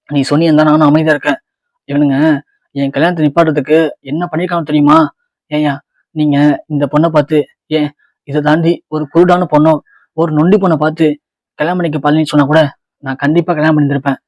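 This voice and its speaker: A man's voice: fairly high pitch, darkish tone, dry recording, muffled recording, lightly acted. A man voicing an angry, humiliated young husband, bitter and accusing.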